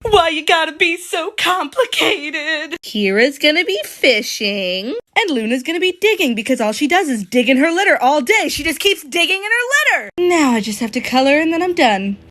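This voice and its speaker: A woman's voice: high voice, big pitch swings, moderate pace, hardly any pauses, a bit bright. A woman artist chatting through her drawings in a casual vlog, bubbly, giggly and playfully dramatic. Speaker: artist and video creator.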